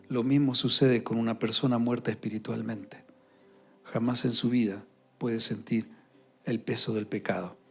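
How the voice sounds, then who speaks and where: A male pastor delivers a sermon in a mid-pitched voice, halting and circling back on his words with frequent filler sounds. Faint music plays softly behind him. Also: slightly rough. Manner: hesitant, many filler sounds and repeated words; grows louder and more fervent toward the close.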